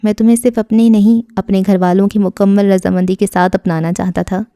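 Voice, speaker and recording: A confident young suitor in an audio storybook, teasing and affectionate in a warm, mellow voice, read by a woman narrator. Recorded close and dry with no room sound. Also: mid-range voice, flat delivery, no echo, close to an everyday voice.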